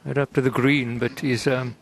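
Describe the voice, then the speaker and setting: A man giving conversational snooker analysis as co-commentator, hushed and understated. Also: medium pitch, flat delivery, normal speed. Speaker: snooker co-commentator and former coach. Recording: clear crowd noise and arena ambience. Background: snooker arena audience ambience.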